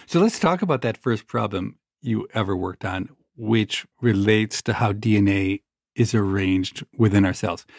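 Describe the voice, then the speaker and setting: A man hosting an interview podcast, asking measured questions. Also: fairly low pitch, no echo, clean studio sound. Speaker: podcast host.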